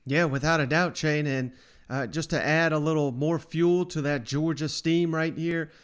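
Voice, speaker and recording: A man's voice: fairly high pitch, steady tone, normal speed, smooth. A man hosting a casual sports talk show in a chatty, folksy manner.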